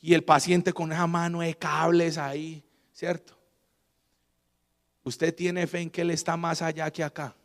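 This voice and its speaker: A Colombian man preaching a sermon as a guest pastor, emphatic and swinging between loud and quiet, throwing call-and-response questions to the congregation. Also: fairly high pitch, level tone, unhurried, long pauses, big-room sound.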